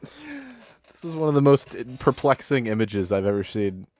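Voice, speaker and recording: A man's voice: medium pitch, wildly swooping pitch, measured pace, a little mellow, no echo. A man co-hosting a livestream in casual, joking chat, swearing easily. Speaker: livestream co-host.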